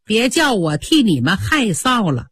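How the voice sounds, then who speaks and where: A woman voicing a sharp-tongued, jealous young maid who talks in a sneering, scornful way. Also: high voice, very animated, unhurried, dry recording, clean studio sound, pitched above the performer's own voice.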